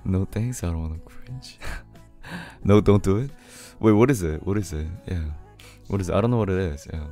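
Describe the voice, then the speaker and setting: A young man from Korea hosts a relaxed live stream, greeting viewers by name and laughing easily. His voice sits very low and sounds hoarse from singing too loud. A song plays faintly in the background. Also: moderate pace, faint music behind. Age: 20s. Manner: laid-back, greets viewers one by one, laughs often. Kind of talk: casual live stream chat, reading viewer messages aloud. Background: his favorite song playing softly.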